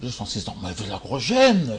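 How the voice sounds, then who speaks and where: A man, telling stories as a panel guest, animated and repeating himself. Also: mid-range voice, quick pace, a little hiss or hum. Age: 70s. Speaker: newspaper publisher and panel guest. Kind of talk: casual panel discussion.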